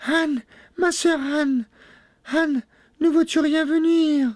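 A man voicing a frightened young noblewoman in a high falsetto, pleading and tearful, in a storybook reading. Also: fairly even intonation, slow, no room sound. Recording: dry studio sound.

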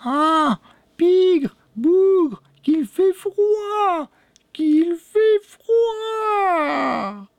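A man's voice: very high voice, expressive, no echo, pitched above the performer's own voice, heavily acted. A man voicing a sly, limping old witch woman with a sugary, wheedling manner in a storybook reading. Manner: honeyed, wheedling, drawn-out moans. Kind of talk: storybook read-aloud.

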